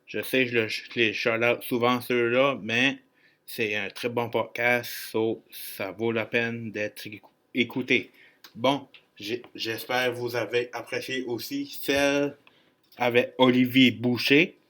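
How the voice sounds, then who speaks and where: A man hosts his own casual podcast, speaking slowly in a mid-range, level, fairly bright voice. He has an Acadian French accent, jokes around and rambles informally, and mixes in some English slang.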